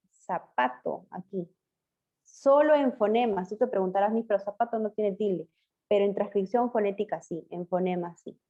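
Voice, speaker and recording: A woman teacher giving an online language class, patiently quizzing her pupils and spelling words out slowly. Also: medium pitch, mellow. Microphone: video call. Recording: muffled lo-fi video call audio.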